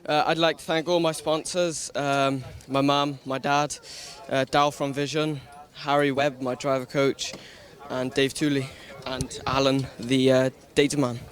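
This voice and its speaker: A man's voice: medium pitch, level tone, unhurried. A tired young man answers questions after a kart race, hesitant and short of words. He stands a little back from the microphone. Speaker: second-placed driver.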